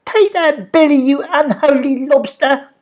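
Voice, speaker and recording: A man doing a squeaky, spirited little girl. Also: slow. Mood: triumphant. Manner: squeaky and excitable. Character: brave young girl heroine, spirited.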